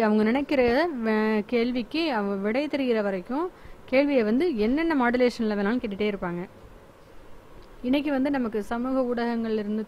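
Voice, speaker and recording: Female teacher, fairly high voice, talkative and repetitive, faint noise under the recording. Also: muffled recording. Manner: chatty and repetitive, restarts words often. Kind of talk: explaining a school lesson.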